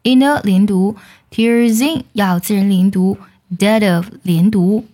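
A woman's voice: mid-range voice, slow pace, warm tone. Woman English teacher, patient lyric explainer who sings demo lines. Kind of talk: song lyric lesson.

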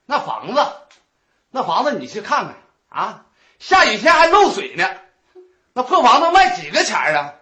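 A man's voice: extremely high pitch, huge pitch swings, moderate pace, long pauses, pushed and bright, lo-fi sound, exaggerated voice. A man playing a crude, taunting brother-in-law. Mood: defiant. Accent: Northeastern Mandarin. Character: brash younger brother-in-law, stubborn and crude. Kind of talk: comic stage folk opera dialogue. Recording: echoey stage sound.

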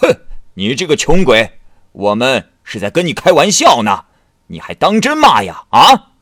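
Man doing a sneering court runner, loud, scornful, pitch jumping up. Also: wildly swooping pitch, a little slow, no room sound, clean studio sound, heavily acted. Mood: mocking anger. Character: scornful male official runner, rough and angry.

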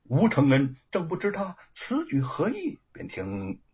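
Slow husky male storyteller, dramatic swooping reading. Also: a little high, wildly swooping pitch, darkish tone. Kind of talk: serialized novel narration. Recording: dull lo-fi recording.

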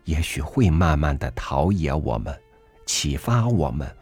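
A man reading a literary essay aloud for a podcast, measured and earnest, rising emphatically on rhetorical questions. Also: extremely low pitch, very animated, slightly rough. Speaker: podcast reader. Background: soft background music.

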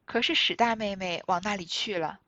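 A woman voicing a flustered married noblewoman who tries to laugh things off and smooth them over. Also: mid-range voice, moderate pace, bright, forceful tone, no echo, dull audio, lightly acted. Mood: placating. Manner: laughing it off, appeasing.

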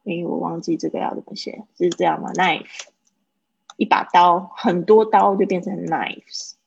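A woman teaching a livestreamed English lesson, explaining step by step and repeating words slowly to model their pronunciation. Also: fairly low pitch, creaky, darkish tone, husky, dry recording. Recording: dull lo-fi livestream audio.

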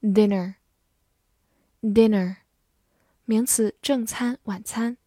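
A woman teacher works through a vocabulary drill at a very slow pace, saying each word twice before its meanings. Her voice is mellow and measured, and the recording is dry and close. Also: mid-range voice, steady tone, no room sound. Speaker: English teacher.

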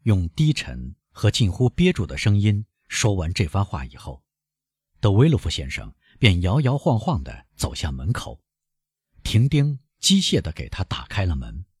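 A male audiobook narrator with a deep, husky voice. His dramatic, expressive reading swings widely in pitch. The sound is dry and close. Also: moderate pace, no room sound.

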